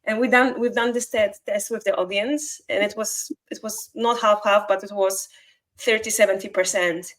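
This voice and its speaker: The recording is rough, but the mid-range voice of a Polish-accented woman from Poland comes through as she talks in a conversational interview. As a guest SEO consultant, she gives long, fluent explanations, with occasional grammar slips and restarts.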